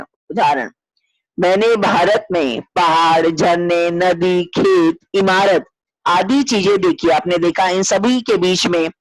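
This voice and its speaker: A woman's voice: fairly low pitch, no echo, low-quality recording. A woman school teacher reading out a grammar lesson, explaining steadily and giving spoken examples.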